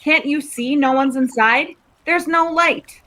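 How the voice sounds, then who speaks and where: A woman's voice: sits high, unhurried, bright, forceful tone, a little hiss or hum. A woman playing a stubborn, sarcastic male homicide cop with slangy tough talk in 1940s radio style. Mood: smug, needling.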